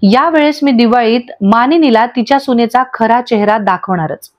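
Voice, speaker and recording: A woman's voice: fairly high pitch, normal speed, a little mellow, lo-fi sound, natural voice. A woman voicing a bossy, scheming businesswoman who gives impatient orders in a storybook recap. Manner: commanding, impatient.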